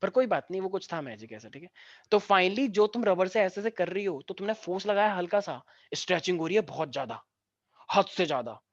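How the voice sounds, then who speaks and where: A male physics teacher, teaching a class online, who mixes jokey stories into the lesson and dictates notes slowly. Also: high-pitched, expressive, no room sound. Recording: dry, dull lo-fi sound.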